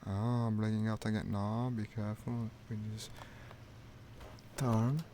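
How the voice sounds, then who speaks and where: A man's voice: on the low side, flat delivery, takes it slowly, dark tone. A man streaming a flight simulator, giving wry running commentary as he plays, talking half to himself. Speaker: gaming streamer. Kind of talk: live commentary while playing a flight sim. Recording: noisy stream audio.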